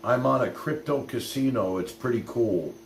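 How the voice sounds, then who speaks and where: A gravelly, mid-range male voice at a moderate pace belongs to a middle-aged livestream host casually sharing personal stories with viewers. He's blunt and rambling, with some swearing and frequent "you know." Expect roomy echo and a faint hum with background noise.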